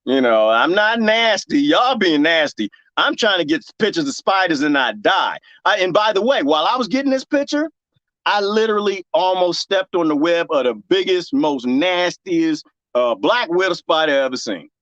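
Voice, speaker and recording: This livestream host, a man with a Texas accent and a high voice, chats at a moderate pace as he plants cuttings in the garden. Animated and joking, he laughs a lot, reads out viewer comments and addresses his chat directly. The audio is dry, with the highs cut off.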